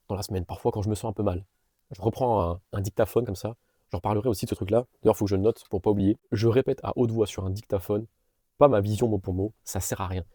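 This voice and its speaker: A young man talks straight to the viewer in a casual, earnest motivational monologue, full of fillers and small restarts. His voice sits a little low and sounds warm and relaxed. The recording is dry, with no room sound. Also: husky, dry recording. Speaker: vlogger and business coach.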